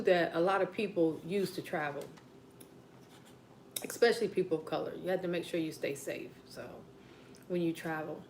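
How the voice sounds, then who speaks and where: A woman's voice: on the low side, slight background noise, low-quality recording. A woman with a Southern American accent hosting a late-night mukbang livestream from home, chatting casually and rambling to her viewers as besties. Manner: rambling, talks to viewers as besties, drops into quiet asides.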